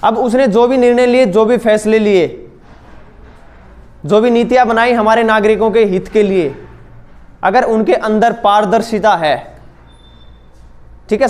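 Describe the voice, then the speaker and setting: A young man teaching a school class, explaining terms step by step and asking his students questions. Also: sits high. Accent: Hindi-English mix. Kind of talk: classroom lecture.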